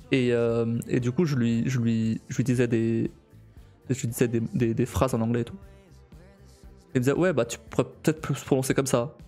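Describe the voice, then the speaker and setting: Faint soft music plays behind a man chatting casually on his live stream in a mellow, dark, medium-pitched voice. He frequently breaks into laughter and talks haltingly, restarting his sentences again and again.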